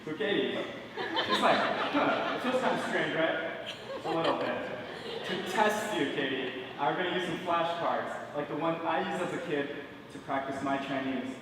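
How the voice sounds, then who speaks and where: A man's voice: on the high side, normal speed, background noise. A young man in his twenties performing stage magic patter, joking playfully with an audience volunteer in a large theater. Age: 20s. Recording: echoey theater hall, distant mic.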